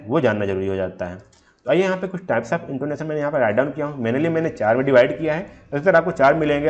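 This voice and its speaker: A man's voice: on the high side, muffled recording. A man giving an exam revision lecture. He reads English definitions off his slides, then explains them plainly and keeps asking rhetorical questions he answers himself. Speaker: teacher.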